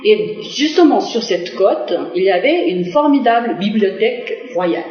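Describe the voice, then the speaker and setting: A Korean woman diplomat gives TV interview answers in an animated, mid-range voice at normal speed. She's hesitant, with many fillers and restarts, and the recording sounds echoey and dull, like a lo-fi TV broadcast.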